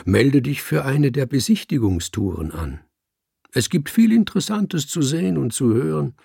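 A gravelly, husky old tomcat read by a man muses slowly about seeing and being. The voice sits a little low and soft, close and dry, with no room around it. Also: big pitch swings, dry recording, exaggerated voice. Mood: advising. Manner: musing, philosophical, drawn-out. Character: old wise tomcat in the afterlife. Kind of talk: audiobook reading.

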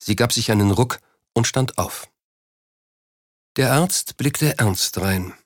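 A man narrating an audiobook in an even, steady storytelling manner. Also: mid-range voice, slow, dry recording, studio quality. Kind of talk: scripted narration.

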